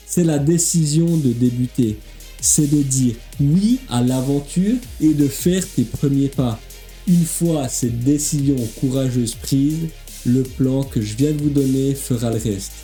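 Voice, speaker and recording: French guy narrating a fitness vlog, really dark mellow voice, upbeat and direct, faint music under it. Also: medium pitch, a little slow. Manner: upbeat, direct, speaks to viewer. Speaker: fitness coach. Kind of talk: motivational voice-over vlog.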